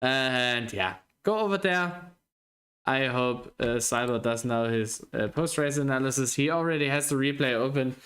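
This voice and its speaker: A man with a hosting a live racing broadcast, slow and relaxed, with a jokey, self-deprecating manner. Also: mid-range voice. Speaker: race commentator and stream host. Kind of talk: live race broadcast commentary.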